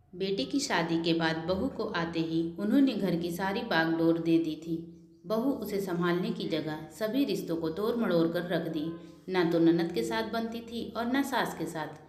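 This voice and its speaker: Woman reading out a family story, steady and measured, echoey room. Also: lowish voice. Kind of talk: scripted narration of a family story.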